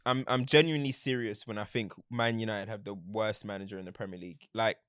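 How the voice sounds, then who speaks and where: A man's voice: lowish voice, steady tone, fast, fairly bright tone, smooth, dry recording, clean studio sound. A young man with an urban London roadman accent, chatting casually about football in an emphatic, slangy, repetitive way. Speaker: football pundit.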